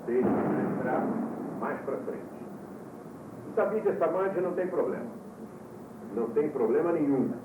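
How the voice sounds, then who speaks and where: A man who is a yoga teacher lectures to his students, explaining calmly and jumping up in pitch when he stresses a point, heard from an old VHS tape. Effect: old VHS tape recording. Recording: tinny, roomy, distant, hissy old VHS tape.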